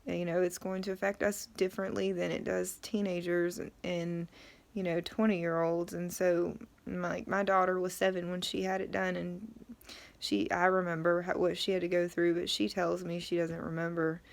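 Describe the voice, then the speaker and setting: A woman's voice: lowish voice, level tone, moderate pace, gravelly. A middle-aged woman talking casually and matter-of-factly to camera, her throat sore as she recovers from tonsil surgery. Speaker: vlogger.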